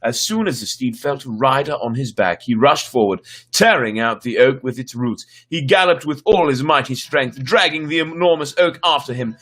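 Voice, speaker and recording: Medium in pitch and fairly bright, a man's voice moves at a moderate pace as he reads stories on a livestream. He hosts and tells fairy tales with theatrical, playful drama, mixing in chatty asides.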